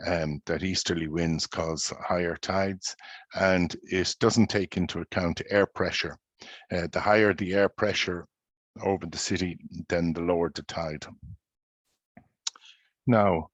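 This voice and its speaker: Deep-voiced man explaining river tides. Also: no room sound. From Ireland. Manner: measured, explanatory, with frequent fillers. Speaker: presenter, paddler. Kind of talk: informal presentation with slides.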